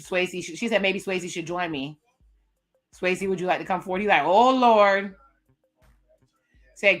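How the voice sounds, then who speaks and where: With a low-ish, bright voice and a forceful tone, a woman hosts a live reaction stream about a dating show. She keeps it casual, repeating what cast members said and adding chatty remarks.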